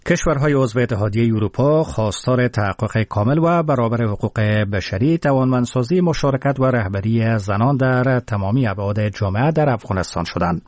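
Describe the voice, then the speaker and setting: Male news anchor, dry studio sound, formal measured read, mid-pitched voice. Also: animated, darkish tone, no echo. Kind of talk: scripted news reading. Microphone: dry studio mic.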